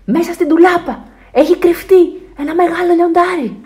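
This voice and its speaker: Woman doing a high, loud four-year-old boy for a storybook, calling for his dad. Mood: pleading, shouting. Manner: high, loud pleading calls.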